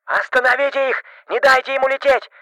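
A man voicing a furious young nobleman who yells orders through a megaphone in a harsh, unpleasant scream. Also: very high-pitched, steady tone, a little fast, no echo, pitched above the performer's own voice, exaggerated voice, low-quality recording. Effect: shouting through a megaphone. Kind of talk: audiobook character reading.

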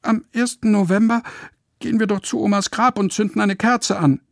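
A man's voice: high voice, steady tone, normal speed, gravelly, dry recording, studio quality, pitched above the performer's own voice. A man voicing a sulky young girl who pipes up in a storybook reading. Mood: piping.

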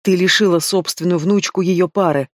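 A man's voice: high voice, fairly even intonation, moderate pace, no echo, studio quality, close to an everyday voice. A man reading the part of a stern, commanding young werewolf pack alpha in an audiobook. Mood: angry. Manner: commanding, clipped.

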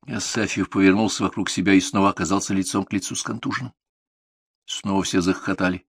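Low-pitched guy reading a story, calm and even, super dry studio sound. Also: fast, breathy edge, no room sound. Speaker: audiobook narrator. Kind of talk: scripted literary narration.

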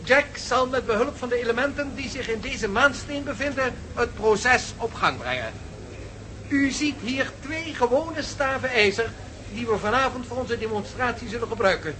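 Animated and very high-voiced, a man performs a Dutch radio play at normal speed over background noise. Playing a fervent, determined professor who champions a revolutionary theory, he declaims with solemn, formal emphasis.

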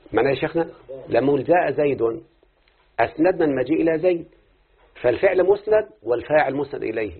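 مدرس رجل بصوت أجش عبر تسجيل رفيع كالهاتف. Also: male voice, mid-range voice, gravelly, slightly rough. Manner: quizzing students with rhetorical questions. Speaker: teacher. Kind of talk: Arabic grammar lesson. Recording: tinny phone-like recording.

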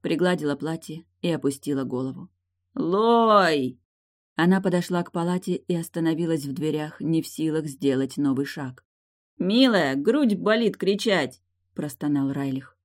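A reader narrating a romance novel in an even, steady storytelling manner. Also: medium pitch, brisk, hardly any pauses. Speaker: audiobook reader. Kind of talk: scripted narration.

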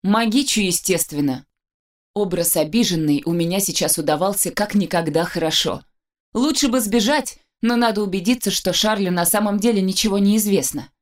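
Woman, audiobook narrator, first-person story, mid-pitched voice, lively, dry wit. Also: a little fast. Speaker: audiobook reader.

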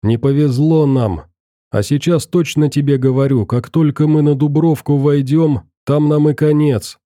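A man voicing a gruff bandit who grumbles fatalistically, in an audiobook. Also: a little high, steady tone, normal speed, warm tone, no echo, studio quality, voice pushed up, close to an everyday voice. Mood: gloomy.

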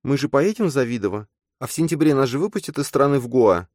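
A man's voice: mid-range voice, expressive, quick pace, no echo, clean studio sound, voice pushed up, close to an everyday voice. A man voicing a furious, scornful young woman who scolds her fiancé, in an audiobook. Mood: cold scorn. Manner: shouting, contemptuous, scolding. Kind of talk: audiobook character voice.

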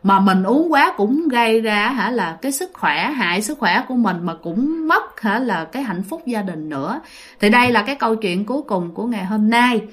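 A woman's voice: on the high side, animated, normal speed, a bit bright. A woman who tells ghost stories in a chatty, casual way and talks straight to her listeners. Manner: chatty, addresses listeners directly, many fillers. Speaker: ghost story narrator. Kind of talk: casual storytelling.

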